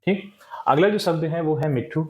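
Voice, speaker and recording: A man's voice: on the high side, normal speed, a little mellow, reverberant. A man explaining a textbook lesson to children, patiently asking and answering his own questions. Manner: patient, checks with repeated "ठीक है" and questions. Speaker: teacher.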